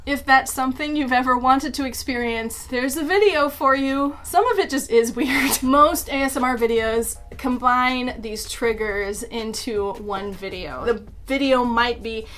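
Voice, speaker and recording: A woman's voice: sits high, measured pace, hardly any pauses, fairly bright tone. A young woman, a YouTube creator, chatting casually as she explains something, with frequent "like" fillers and self-deprecating asides.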